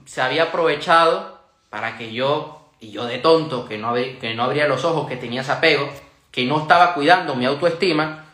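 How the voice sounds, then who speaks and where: A man's voice: medium pitch, a little fast, pushed and bright, echoey room. A young man telling a personal story in an earnest, confessional way as a YouTuber giving breakup advice.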